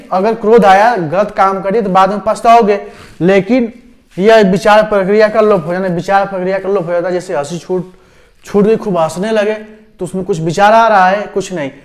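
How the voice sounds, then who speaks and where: A man from India teaching a lesson for a teacher-training exam, repeating key terms and often checking that students follow. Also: sits high. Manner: repetitive explaining, frequent "समझ गए?" checks. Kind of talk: exam-prep lecture.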